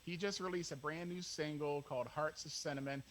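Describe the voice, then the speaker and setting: A man's voice: fairly high pitch, steady tone, fairly quick, fairly bright tone, a little hiss or hum, poor audio. A man chatting as a guest on a live stream, joking and self-mocking in casual banter.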